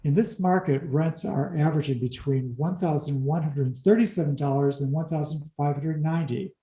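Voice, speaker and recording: A man explaining real estate figures in an interview, talking fast through the numbers with wry asides. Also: on the high side, steady tone, warm tone, roomy sound, low-quality recording. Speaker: commercial real estate advisor.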